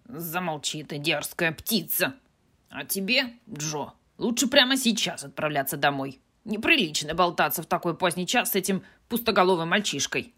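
A cranky old aunt snaps and scolds in a bright, high voice that leaps up and down, as a woman narrator puts her on. Her manner is curt and grudging, like a grumpy elder in an audiobook. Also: animated, normal speed, slightly rough, exaggerated voice. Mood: scolding. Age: older.

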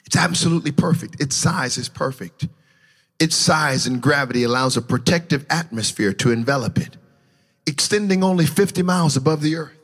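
A man preaching a sermon in a church, passionately shouting in a sing-song preaching cadence. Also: a little high, brisk, long reverb tail. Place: church sanctuary.

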